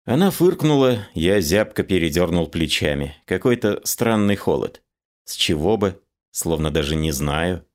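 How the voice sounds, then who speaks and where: A man reading a first-person audiobook narration in a wry, even storytelling manner. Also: low-pitched, unhurried.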